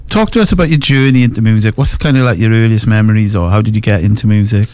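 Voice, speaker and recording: A man co-presenting a radio show, chatty and quick with banter. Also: lowish voice, a little mellow. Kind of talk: casual radio chat.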